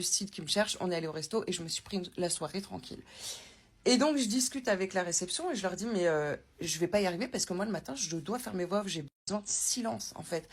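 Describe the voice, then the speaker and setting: Woman, husky voice, chatty, rambling, casual vlog, hotel room, handheld phone. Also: mid-range voice. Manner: chatty, rambling, many fillers and restarts. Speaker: vlogger. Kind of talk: casual travel vlog chat.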